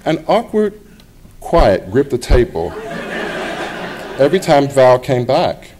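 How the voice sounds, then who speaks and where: Against a noisy background, a middle-aged man with a mid-range voice reads his personal essay at a public library event. He reads in a measured, expressive manner, leaving pauses.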